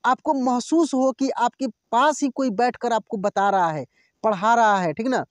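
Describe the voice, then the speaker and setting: A man's voice: very high voice, normal speed, dry recording. A man teaching as a tutor, reciting syllables one by one and often addressing his listeners as friends. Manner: drills syllables aloud, frequent "friends" and "okay" asides. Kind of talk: slow syllable recitation lesson.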